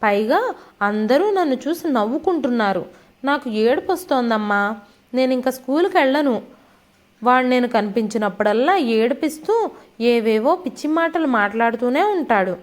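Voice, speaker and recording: A woman's voice: on the high side, expressive, moderate pace, lightly acted. A woman voicing a tearful, frightened teenage schoolgirl who pleads with her mother between sobs. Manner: pleading, sobbing complaints.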